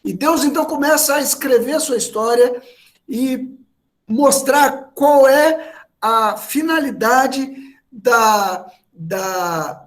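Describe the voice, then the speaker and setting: Brazilian guy preaching, high voice, teaches slow and explains every word. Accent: Brazilian Portuguese. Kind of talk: sermon.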